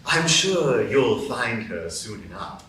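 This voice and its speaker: A man voicing the Cheshire Cat, a sly, teasing and mysterious cat, in a slow, drawling, mocking way in a live radio play. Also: medium pitch, sing-song, fairly bright tone. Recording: echoey room, mic from far off, faint background noise.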